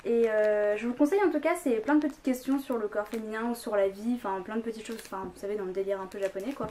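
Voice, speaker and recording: A woman's voice: on the high side, fast, darkish tone, slight background noise. A young woman talking casually at home, rambling through a haul video with lots of fillers. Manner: chatty, rambling, many fillers. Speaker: vlogger.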